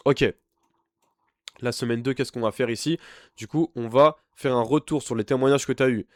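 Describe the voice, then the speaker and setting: A young man coaching online business in a casual, pushy way, talking straight to the viewer. His voice sits at an ordinary mid pitch. It is recorded close and dry, with no room around it. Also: moderate pace, no echo. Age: young adult. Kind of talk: informal screen-share tutorial.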